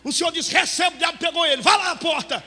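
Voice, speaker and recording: A man preaching as a Pentecostal pastor, shouting and acting out the voices in his story, breaking into tongues. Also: extremely high pitch, fast talker, faint music behind. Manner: shouting, dramatic, acts out dialogue, speaks in tongues. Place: church hall. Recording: church hall with long reverb.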